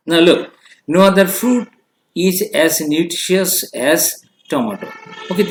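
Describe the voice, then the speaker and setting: A male English teacher gives a classroom grammar lesson, switching between two languages and often asking questions he answers himself. His voice is on the high side, with a roomy sound.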